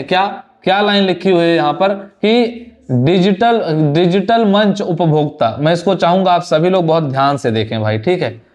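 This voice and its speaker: Reviewing a student's exam answers, this young Hindi-speaking teacher talks casually and tends to say words twice. His voice is a bit on the higher side, and English expressions crop up regularly in the lesson.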